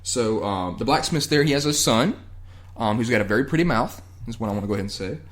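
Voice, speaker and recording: A male podcast host talks through an episode recap in a relaxed, chatty way. His speech is loose and profane, padded with ums and uhs. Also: mid-range voice, quick pace. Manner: loose and profane, many fillers. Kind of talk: casual chat, recapping a TV episode.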